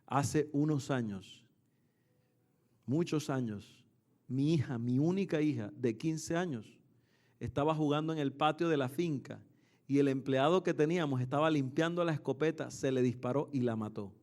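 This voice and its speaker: A man voicing an older rural man who tells of grief in a low, hushed, slow way. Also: lightly acted. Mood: grieving. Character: older rural man, grieving, gruff, converted.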